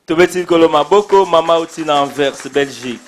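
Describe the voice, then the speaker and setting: A man's voice: a little high, a little fast, a little hiss or hum. Man pastor, declamatory church welcome. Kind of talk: church welcome, calling and blessing. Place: church hall.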